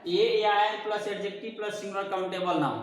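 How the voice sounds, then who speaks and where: A man's voice: high voice, steady tone, a little fast. A man teaching an English grammar lesson in a classroom style, asking his own questions and answering them to drill each point home. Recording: very echoey room.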